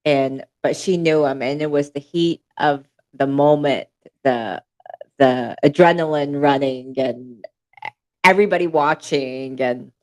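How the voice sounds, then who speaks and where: Low-voiced woman musing on a podcast. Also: a little slow, a little mellow. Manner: questioning, thinks aloud with restarts. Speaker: podcast co-host. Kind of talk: casual podcast chat.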